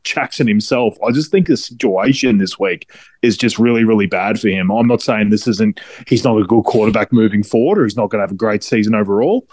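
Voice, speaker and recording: A man's voice: lowish voice, darkish tone, no echo. An Australian man giving casual sports analysis as a regular podcast expert. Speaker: regular fantasy football expert.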